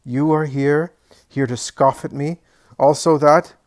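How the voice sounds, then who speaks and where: Unhurried and a little mellow, a man's natural voice takes on the role of an ailing, senile old man throwing a tantrum: he curses, accuses, and complains in a shrill, querulous way, full of anger and self-pity, while his tone stays steady. The recording is dry.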